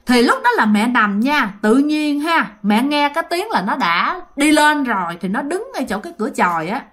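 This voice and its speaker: Brief: Southern Vietnamese woman, slightly high voice, casual chatty ghost-story teller addressing listeners. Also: sing-song, moderate pace, a bit bright.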